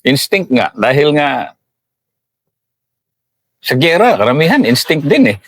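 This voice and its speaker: A man's voice: on the high side, big pitch swings, measured pace, no room sound. A middle-aged Filipino man hosting a military interview, explaining terms to viewers and pressing his guest with follow-up questions. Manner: explains to viewers, asks probing follow-ups. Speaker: host, retired army colonel. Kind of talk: interview commentary.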